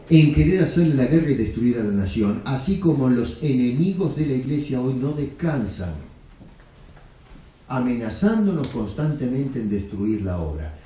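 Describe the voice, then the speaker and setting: A medium-pitched, dark-toned male voice preaches bluntly and emphatically, leaning on rhetorical questions. The recording, made in a church sanctuary, carries heavy hall echo.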